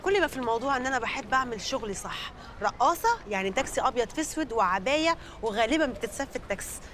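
A pushy, fast-talking dancer. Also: female voice, on the high side, expressive, fairly bright tone, a little hiss or hum. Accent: Egyptian Arabic. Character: brash pushy woman dancer, fussy about image. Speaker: a dancer on the team.

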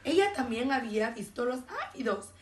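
Woman teacher, storybook reader, slightly high voice, echoey far-off room sound. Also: moderate pace, slight background noise. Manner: expressive bilingual storytelling. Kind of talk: reading a picture book aloud.

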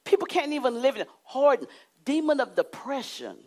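Wearing a lapel mic in a church studio backed by a curtain, a middle-aged woman preaches a sermon. Her delivery is animated and emphatic, swinging widely in pitch, pausing dramatically and at times dropping to a hush.

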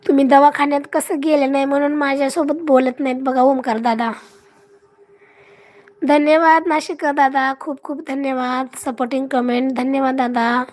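A woman with a Marathi accent, hoarse from a cough, hosting a casual live stream and greeting and thanking her viewers by name. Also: high voice, fairly even intonation, moderate pace, darkish tone.

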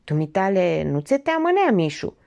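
A woman's voice: fairly low pitch, sing-song, gravelly, darkish tone. A woman voicing a frightened, paralyzed male beggar with a trembling voice, in an audiobook. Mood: timid. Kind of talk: audiobook character reading.

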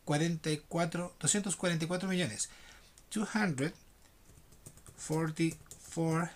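A man teaching an English class online, switching between slow dictation of numbers and quick explanations. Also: a little high, steady tone, a little hiss or hum.

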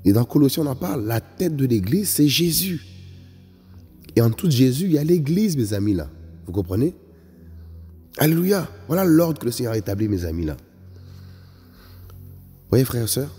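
A man with a husky, dark, medium-pitched voice preaches in a sing-song, fairly quick manner broken by long pauses. Emphatic throughout, he keeps repeating "vous voyez, frères et sœurs" to his brothers and sisters, with long reverb and faint music in the recording.

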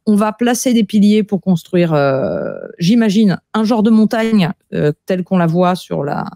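Mellow-voiced woman co-hosting a chat. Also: mid-range voice, animated, a little slow, no echo, clean studio sound. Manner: chatty, hesitant with many fillers. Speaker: podcast co-host. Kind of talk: casual chat about board game news.

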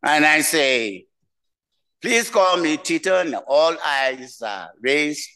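An older man, who grew up outside the United States, gives a keynote speech from a podium in a lecture hall, telling a personal story slowly with pauses. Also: on the high side, lively intonation, sharp tone, clean tone. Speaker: keynote speaker.

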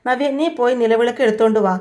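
A woman's voice: on the high side, steady tone, fast talker, a little mellow, close to an everyday voice. A woman voicing a proud remorseful matriarch. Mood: firm.

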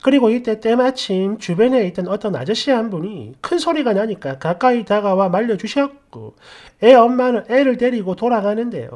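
A woman's voice: a little high, sing-song, normal speed, darkish tone. Indignant woman telling a story. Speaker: story narrator. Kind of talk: first-person story narration.

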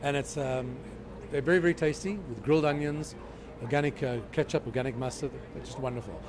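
A man's voice: mid-range voice, brisk, a crowd in the background. Upbeat man restaurant owner, busy street behind. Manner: upbeat, enthusiastic salesman. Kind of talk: casual interview. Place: small restaurant with street noise.

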